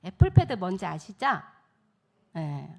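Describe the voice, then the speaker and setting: A middle-aged woman, a missionary speaker, telling a lively testimony story at a church service, acting out the people she quotes and laughing often. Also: on the low side, measured pace, vocal fry. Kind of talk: testimony sermon.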